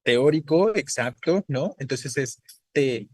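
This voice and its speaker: A man's voice: medium pitch, moderate pace, no room sound. A man teaching a grammar class, explaining patiently and often checking in with his students with short tag questions. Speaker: Spanish teacher. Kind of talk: online class lecture.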